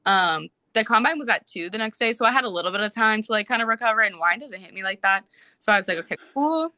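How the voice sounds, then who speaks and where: A young woman and soccer player, a podcast guest, telling a story in casual, animated talk full of "like"s. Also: mid-range voice, no echo. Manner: animated, fast storytelling with many "like"s.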